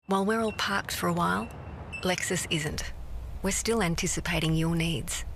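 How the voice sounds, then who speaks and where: A woman reading a scripted radio-style car service advertisement in a smooth, reassuring way. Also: fairly low pitch, normal speed, noisy background. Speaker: ad voice-over. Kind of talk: scripted ad read.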